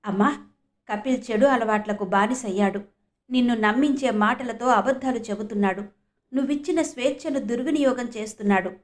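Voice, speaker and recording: A firm, principled young woman who speaks sharply and with conviction, read by a woman. Her voice sits fairly high in an audio storybook. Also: fairly quick, close to an everyday voice. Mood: earnest. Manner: sharp, scolding.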